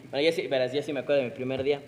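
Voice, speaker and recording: A young man, hosting a casual podcast chat with friends, relaxed and teasing. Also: medium pitch, racing, in a large hall. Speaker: podcast host asking questions.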